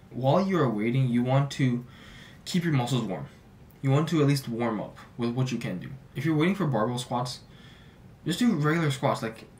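Young male fitness vlogger, relaxed filler-heavy delivery, mic a bit distant, faint hum. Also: medium pitch. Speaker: fitness YouTuber. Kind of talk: casual talking-head advice. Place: small home office, indoors.

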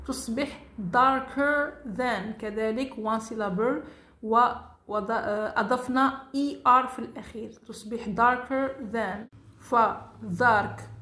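Woman, English teacher, slow, careful spelling-out of words, bright higher voice, echoey room. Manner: spells out words slowly, switches between English and Arabic. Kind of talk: slow classroom grammar lesson.

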